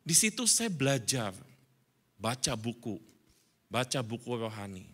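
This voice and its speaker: A male pastor giving a sermon, telling his story in an animated way that swings between loud and soft. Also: mid-range voice, unhurried, breathy edge.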